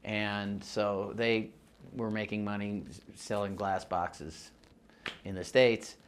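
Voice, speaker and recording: A man's voice: lowish voice, little pitch movement, slow, smooth. A man in his sixties who grew up between the US and Mexico, telling stories from the past in a rambling, casual way with frequent laughs and restarts. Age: 60s. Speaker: musician interviewee. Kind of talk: casual oral-history storytelling.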